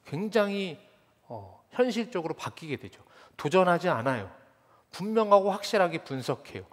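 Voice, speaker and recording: Lively man preaching in a reverberant church. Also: high voice, normal speed. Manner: animated storytelling, mimics children and teens. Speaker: pastor. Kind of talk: sermon. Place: church sanctuary.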